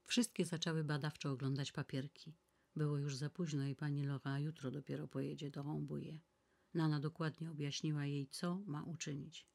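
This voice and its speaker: A woman reading a classic novel aloud in measured, even storytelling. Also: sits low, gravelly. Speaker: audiobook reader. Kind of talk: scripted narration.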